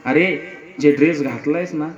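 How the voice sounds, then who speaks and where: A man's voice: a little high, normal speed, reverberant, highs cut off, faint music behind, lightly acted. A man voicing a heroic warrior king who speaks tenderly and with grief to a loyal soldier. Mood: sorrowful. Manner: pleading, emotional.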